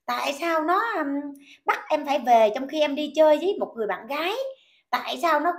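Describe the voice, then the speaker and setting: A woman's voice: high voice, brisk. A woman with a Southern Vietnamese accent, ranting in an indignant, scolding commentary vlog full of repeated questions.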